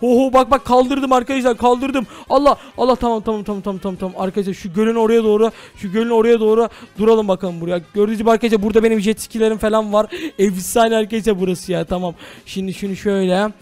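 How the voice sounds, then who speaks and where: Excitable young man, high and fast. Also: soft background music. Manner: excitable, addressing viewers, exclaiming. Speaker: gaming YouTuber. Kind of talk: Minecraft role-play commentary.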